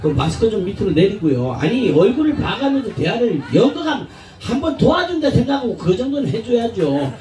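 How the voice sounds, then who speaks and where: A man's voice: sits high, very animated, a little fast, hardly any pauses, a little mellow. A man doing a street prank comedy bit, coaxing passersby with a brash, laughing, swearing manner. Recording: echoey outdoor street, crowd noise, distant mic.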